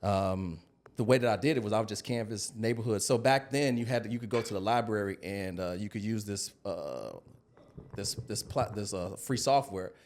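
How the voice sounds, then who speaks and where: With a lowish, slightly mellow voice at a moderate pace, this American podcast guest in his early forties tells stories casually and conversationally. He works as a digital marketing consultant, and there's slight background noise.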